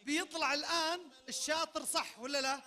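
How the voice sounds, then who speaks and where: A man's voice: very high voice, a little fast. A man with a Saudi accent hosting a crowd party game in a big event tent, talking into a handheld mic and barking sudden commands. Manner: energetic, barks sudden commands. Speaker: game host at a public event. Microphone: handheld microphone.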